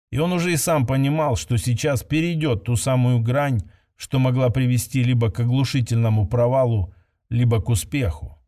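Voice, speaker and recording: A man reading a science-fiction story aloud as narrator, steady and even. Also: medium pitch. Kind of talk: scripted audiobook narration.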